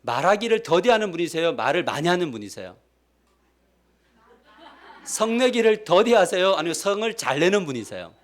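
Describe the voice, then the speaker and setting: A man's voice: fairly high pitch, quick pace, hardly any pauses. A male pastor giving a sermon, asking his congregation questions as he goes. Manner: animated preaching, asks the congregation questions. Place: church sanctuary.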